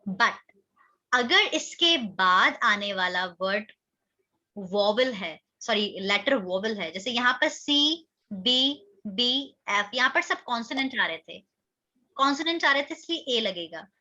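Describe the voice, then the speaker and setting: A woman's voice: a little high, expressive, slow pace, bright, forceful tone, highs cut off. A woman teaching an English grammar lesson, questioning her students and repeating their answers.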